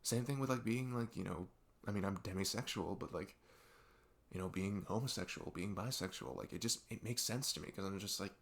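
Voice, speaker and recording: In an intimate ASMR roleplay, a young man portrays an earnest male best friend who opens up late at night through seemingly unscripted deep talk. He's earnest and musing, rambling and halting as he reflects, with frequent "like" and "you know", and his voice has vocal fry.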